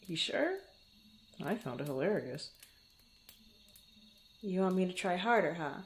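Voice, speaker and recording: In an intimate fantasy ASMR roleplay, a woman voices a guarded young swordswoman, an adventurer who used to be a street thief, teasing the listener as she speaks haltingly. Her voice sits on the low side with lively intonation, and her mood is playful. She banters in a flustered way, often sighing or chuckling.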